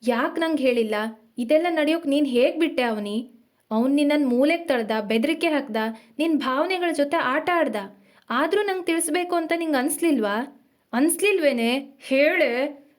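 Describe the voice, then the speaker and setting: A woman's voice: high-pitched, a little slow. A woman voicing a hurt young man who raises his voice and fires reproachful questions in an audio drama. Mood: furious.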